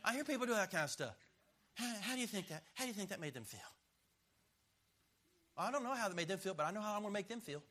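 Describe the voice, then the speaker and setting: A man's voice: high voice, animated, fast talker, pauses often, sharp tone. A middle-aged man preaching a sermon as a pastor, emphatic and punchy, joking and drawing call-and-response from the crowd.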